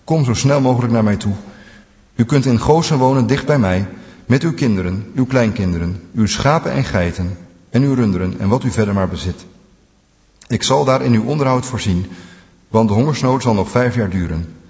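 A man's voice: mid-range voice, moderate pace, a little mellow, natural voice. A man reading aloud as an emotional male ruler speaking urgently to his brothers, in a long church reverb. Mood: heartfelt.

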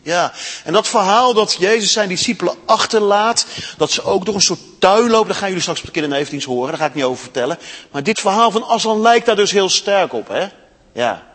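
A man reads a story aloud to children during a church service, slowing down for dramatic effect. His voice is husky and sits a little high, and it swoops widely in pitch. A long echo from the church hall trails after each phrase. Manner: expressive, slows for dramatic pauses.

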